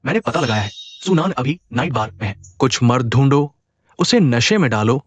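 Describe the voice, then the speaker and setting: An actor dubbing a spoiled, cruel younger brother from a rich family, sneering and vicious. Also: male voice, medium pitch, lively intonation, normal speed, no echo, lightly acted. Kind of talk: dubbed drama acting.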